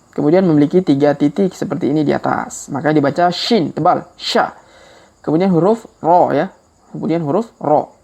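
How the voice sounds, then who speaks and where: Low-voiced lady teacher going slow over letters, says "ya" after everything, crickets in the back. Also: vocal fry, darkish tone. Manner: slow, repetitive, ends phrases with a checking "ya"; syllables drawn out and repeated for learners. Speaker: Quran reading teacher. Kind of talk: patient step-by-step reading lesson.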